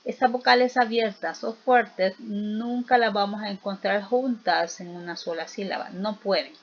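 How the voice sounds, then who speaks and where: A woman teacher giving a recorded spelling lesson, slow and patient, spelling out vowels and examples aloud and asking the listener to repeat after her. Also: mid-range voice, steady tone, muffled recording.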